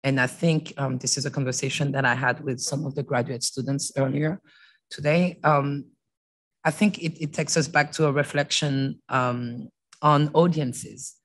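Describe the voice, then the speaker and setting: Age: adult. Sex: woman. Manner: halting panel talk. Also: very deep voice, steady tone. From France. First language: French. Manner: halting, many fillers and restarts. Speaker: panelist and author. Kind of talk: panel discussion before an audience. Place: lecture hall with audience.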